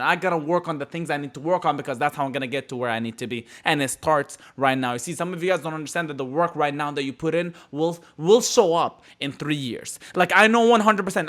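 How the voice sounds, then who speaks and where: A young man from the Middle East giving a passionate live motivational talk to his audience, repeating phrases and swinging from loud bursts to hushed, quiet lines. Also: sits high. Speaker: motivational speaker.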